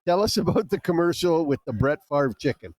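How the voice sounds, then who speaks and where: A man's voice: a little high, animated, a little fast, darkish tone. A man hosting a live sports podcast, prompting his guest with questions. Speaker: podcast host. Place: live event at a dinner.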